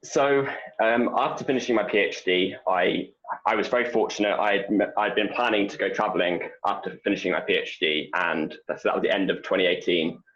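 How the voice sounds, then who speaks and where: A young English postdoc researcher gives casual interview answers, relaxed and rambling with lots of fillers and restarts. His voice is deep and a little fast, and the audio sounds dull.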